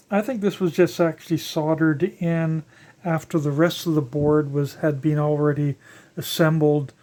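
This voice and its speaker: Musing aloud in halting, unscripted fashion, an older electronics hobbyist talks through a teardown while working with their hands at an indoor workbench. The voice is mid-range and warm.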